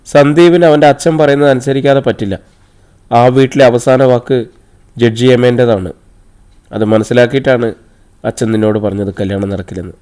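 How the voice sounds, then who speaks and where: A man's voice: medium pitch, fairly quick, long pauses, dark tone, close to an everyday voice. A man reading the part of a stern, worried middle-aged mother who scolds her daughter.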